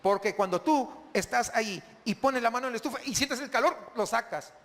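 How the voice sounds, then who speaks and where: A man's voice: extremely high pitch, a little fast, a bit bright, long reverb tail. A man preaching a sermon as pastor, often asking the congregation questions.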